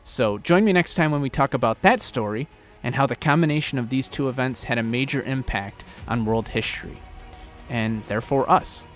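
A man's voice: medium pitch, moderate pace, soft background music. A man hosting a history channel, narrating a battle in a casual, conversational storytelling way.

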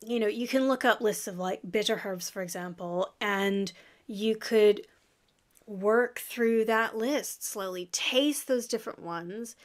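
A guest herbalist in her thirties with an American accent, who lives in Yorkshire, UK, chats casually on a video call from a home office with a framed flower print. Her medium-pitched voice keeps a measured pace, and she laughs often and gestures while explaining.

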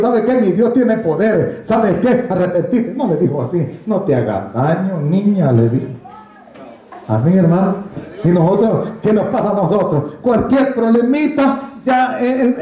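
High-voiced joking preacher, echoey church. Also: male voice, dark tone. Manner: jokey, storytelling preacher, addresses congregation as brother. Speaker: pastor. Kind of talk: preaching a sermon.

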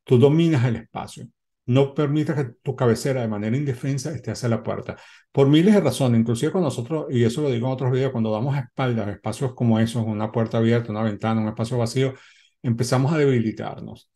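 A man's voice: mid-range voice, fast, warm tone. A man in his fifties, host of a self-help channel, talking straight to the camera and giving instructions, repeating his points and checking in with the listener. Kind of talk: direct-to-camera advice talk. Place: indoor room, seated before a window backdrop.

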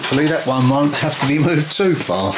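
A man renovating a stone cottage, indoors and out in a cold garden, chats cheerfully to viewers as he works. His voice is fairly high, animated and quick, over a noisy background.

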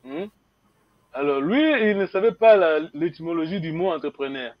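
Male language teacher, high voice, halting and repetitive delivery, dull lo-fi sound. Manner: hesitant, repeats words, chuckles often. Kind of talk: classroom explanation.

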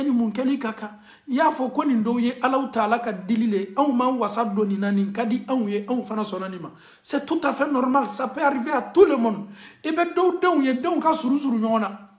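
Man preaching a sermon in a roomy space. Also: very high voice. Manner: switches between French and Bambara, preachy and emphatic. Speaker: imam.

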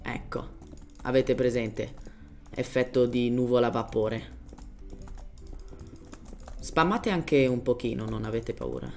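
Slow, with long pauses and some vocal fry, a medium-pitched man offers casual game tutorial commentary in a lively intonation. He's a German-born native German speaker hosting a gaming tutorial, speaking informally, hunting for Italian words and slipping in English ones.

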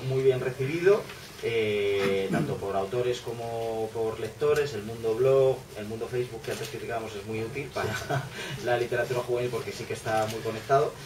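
A man in his thirties, an author speaking casually on a panel, talking chattily with many fillers and restarts. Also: mid-range voice. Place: small bookshop café, indoors. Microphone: far camera. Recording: roomy, distant, noisy room.

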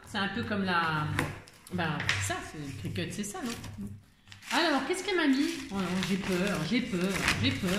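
A woman's voice: fairly high pitch, reverberant, background noise. A woman vlogger chatting casually and exclaiming as she unboxes crafts, talking to her viewers and to herself.

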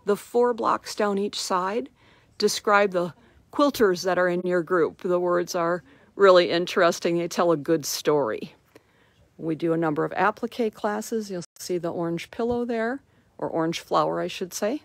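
A woman's voice: on the low side, dry recording. A woman giving a chatty walking tour of a large quilt shop, recorded on a handheld phone. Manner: slow, chatty, promotional.

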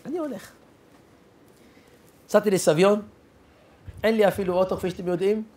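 A man's voice: high voice, flat delivery, a little mellow. A man, a rabbi, telling a personal story in a sermon, acting out the dialogue and adding sound effects.

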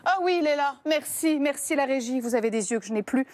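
High-voiced, lively woman presenter. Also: fast talker. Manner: lively, chatty and playful. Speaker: babywearing expert presenting products. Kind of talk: TV product demonstration. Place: TV studio set.

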